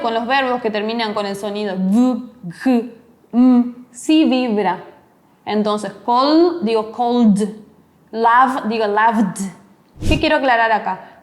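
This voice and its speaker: A woman giving a recorded English class, explaining step by step and slowing down to model each English word. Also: sits high. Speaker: English teacher.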